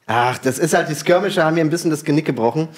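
A man calmly reviewing a game he lost, reflective and hesitant, pausing with fillers. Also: fairly high pitch. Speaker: gamer reviewing his loss. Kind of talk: casual post-game analysis.

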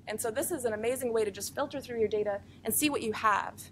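A woman scientist giving a conference research talk, explaining fast and earnestly, with many fillers and self-corrections, over a microphone in a room with speakers. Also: a little high, slight background noise. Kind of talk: academic conference presentation. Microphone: microphone feeding room speakers.

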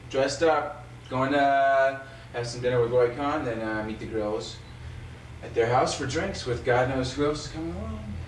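A man's voice: mid-range voice, moderate pace. A man filming his own birthday home video, giving wry, teasing running commentary to the camera, heard through old camcorder audio. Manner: wry, teasing, keeps saying groovy. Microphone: built-in camcorder mic. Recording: hissy, echoey old camcorder audio from a distance.

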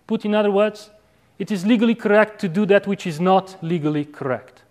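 A man in his thirties giving an academic lecture in a measured, didactic way, checking in with short tag questions. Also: high voice, a little mellow. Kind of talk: academic lecture, philosophical argument. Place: university lecture room with chalkboard. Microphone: clip-on lapel microphone.

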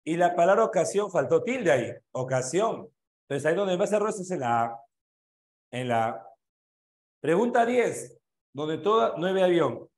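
A man's voice: high voice, big pitch swings, unhurried, darkish tone. A man with a Peruvian Spanish accent teaching an online exam review class. He goes through the answers item by item and quizzes his students as he goes. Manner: checks answers item by item, asks students questions. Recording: echoey room.

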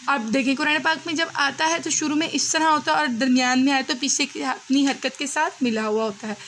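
A young woman teaching a beginner Quran reading lesson, slowly sounding out letters and asking simple questions as she goes. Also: high-pitched, steady tone, a bit bright, slight background noise. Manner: slow, patient, spells out letters and asks questions.

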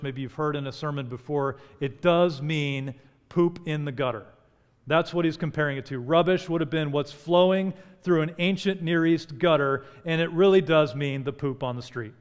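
A man in his forties, a pastor preaching a sermon from a church stage pulpit, rising for emphasis and dropping soft and slow on key words. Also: fairly high pitch, clear, resonant tone. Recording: long hall reverb.

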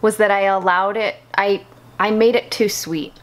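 A woman's voice: mid-range voice, steady tone, moderate pace. Chatty woman in an echoey kitchen. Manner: chatty, candid, self-deprecating. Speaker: home cooking vlogger. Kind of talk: casual kitchen vlog. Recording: echoey room with background noise.

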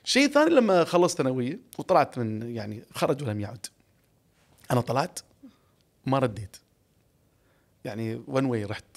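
An Emirati podcast guest in his forties, from Ras Al Khaimah and with an Emirati Arabic accent, shares stories in a casual interview, speaking a little fast in a mid-range voice with vocal fry and long pauses. He's animated, reflective, gestures a lot and laughs often. A studio boom mic picks him up close.

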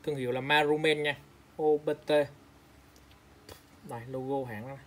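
A Vietnamese man with a medium-pitched, steady, fairly bright voice sells used eyeglass frames online at a moderate pace. In a casual product showcase, he chats as he shows each pair, repeating prices and sizes and calling out to viewers.

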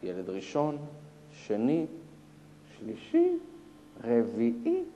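A man who is a rabbi giving a storytelling lecture, animated and acting out the characters. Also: medium pitch, highs cut off. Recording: long hall reverb.

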